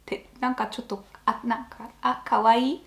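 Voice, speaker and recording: Woman w/ lilt rambling thru a reaction vid, fillers everywhere, kinda high voice. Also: level tone, normal speed. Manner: chatty, laughing, thinks aloud with fillers. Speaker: reaction video host. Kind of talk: casual reaction commentary.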